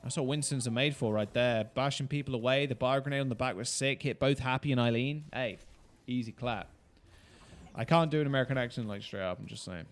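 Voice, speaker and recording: A man casually breaking down a game replay, reacting loudly and swearing often as the plays unfold. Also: mid-range voice, fairly quick. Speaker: esports streamer and analyst.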